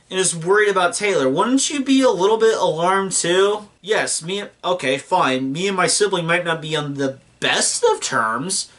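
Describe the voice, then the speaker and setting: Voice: mid-range voice, a bit bright. Profane, incredulous young movie reviewer. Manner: incredulous, ranting, swears often. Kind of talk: profane film review commentary.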